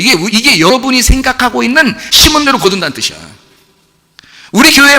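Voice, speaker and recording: A middle-aged pastor preaches a sermon in a church sanctuary, his high voice creaky, bright, and forceful. He talks conversationally with many rhetorical questions, and the recording carries long hall reverb.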